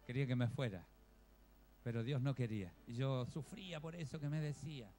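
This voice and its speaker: A man's voice: mid-range voice, a little fast, dark tone, soft background music. A man with a Chilean accent preaching a conversational sermon, telling homely stories and often calling his listeners brother.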